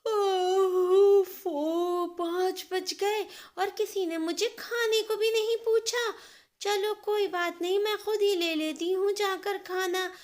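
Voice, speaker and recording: A woman voicing a spoiled, sulky young married daughter who complains in a whiny, shrill way. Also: steady tone, slow pace, a little mellow. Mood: petulant angry.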